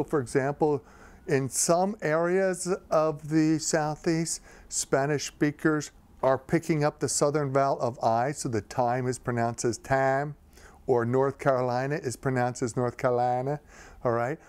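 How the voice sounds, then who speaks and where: A man lectures about language in a calm, measured documentary interview. His voice is smooth and clear. The sound is dry and close. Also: medium pitch, no echo. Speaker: language expert.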